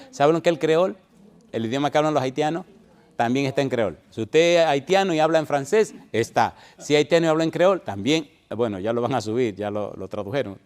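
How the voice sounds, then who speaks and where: A middle-aged man preaches a sermon with an emphatic voice at an average pitch. He keeps pressing his listeners with direct questions, urging them to answer. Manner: emphatic, asks congregation questions. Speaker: pastor.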